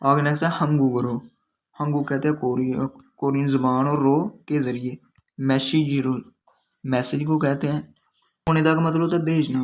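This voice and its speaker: A man teaching a language lesson, explaining the dialogue word by word. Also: fairly high pitch. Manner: explains word by word, with frequent restarts.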